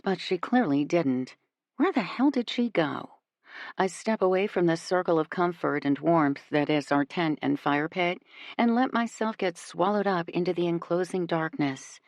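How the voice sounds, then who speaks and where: Low, measured woman narrating a thriller. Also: a little mellow, dry recording, studio quality. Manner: measured and intimate, voicing each character. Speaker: audiobook narrator. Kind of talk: first-person audiobook narration.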